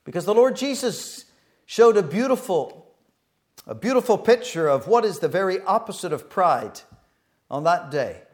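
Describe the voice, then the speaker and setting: A man preaching a sermon in an earnest, halting way, often restarting his words and swinging between soft reflection and loud emphasis. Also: high voice, very animated.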